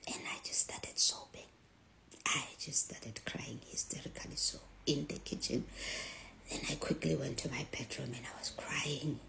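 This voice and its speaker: Woman, middle-aged, really deep gravelly voice, hushed almost whispery storytime. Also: fairly even intonation, moderate pace, poor audio. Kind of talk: personal story time.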